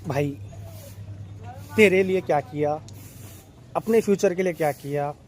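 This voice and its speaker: A man's voice: on the high side, measured pace, darkish tone. A man, a local vlogger giving street-side social commentary and firing off rhetorical questions as he walks through the city. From Mumbai, India.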